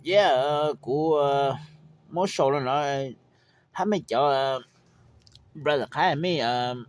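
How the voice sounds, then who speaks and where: A man giving an informal how-to talk on breeding poultry, unhurried and rambling, with frequent fillers. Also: medium pitch. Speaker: poultry breeder explaining his method.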